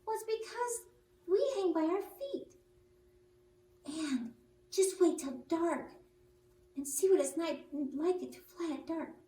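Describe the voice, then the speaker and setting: A woman voicing an excitable young female bat in a sing-song puppet-show manner. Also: extremely high pitch, slow pace, pauses often, voice pushed up. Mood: eager. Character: young bat Stellaluna, female, bubbly and encouraging. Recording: roomy, distant mic, faint noise.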